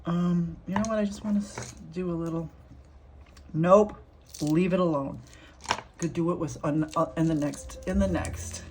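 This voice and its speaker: A woman's voice: on the low side, fairly even intonation, normal speed, a little mellow, a little hiss or hum. A woman hosting her art vlog, thinking aloud as she paints and murmuring small self-critical remarks. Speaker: art channel host. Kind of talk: casual art demonstration vlog.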